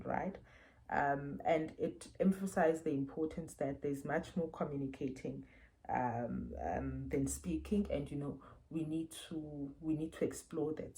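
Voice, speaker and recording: A South African woman talks through a book review in a casual, earnest way, stopping often to give examples. Her voice sits low, with a soft, mellow tone. The sound comes through wireless earbuds. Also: poor audio. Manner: earnest, explanatory, gives examples. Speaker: parent reviewing books.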